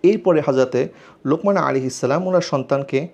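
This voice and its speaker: Male preacher, earnest, admonishing sermon delivery, slightly raised pitch, dull lo-fi recording. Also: brisk, gravelly, a little mellow. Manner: earnest, admonishing, with rhetorical questions. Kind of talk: Islamic sermon.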